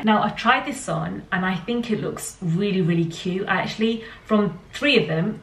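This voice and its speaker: A young woman with a Yorkshire accent chatting casually through a clothing try-on haul, with light laughs and small restarts. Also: mid-range voice. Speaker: fashion vlogger. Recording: roomy, slightly distant home recording.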